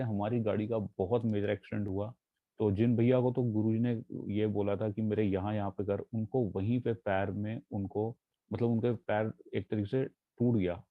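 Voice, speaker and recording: A young man earnestly telling a personal devotional story, halting often and mixing in English phrases. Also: lowish voice, dry recording. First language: not Punjabi. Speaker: devotee sharing testimony. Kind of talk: personal testimony. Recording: tinny phone-like sound.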